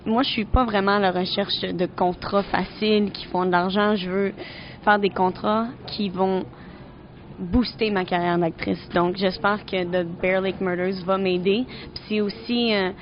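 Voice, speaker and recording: A woman's voice: mid-range voice, fairly even intonation, measured pace, highs cut off, a little hiss or hum. A woman from Quebec City with a Québécois accent, an actress answering interview questions in a chatty way, with many fillers and restarts. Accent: Québécois French. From Quebec City, Canada.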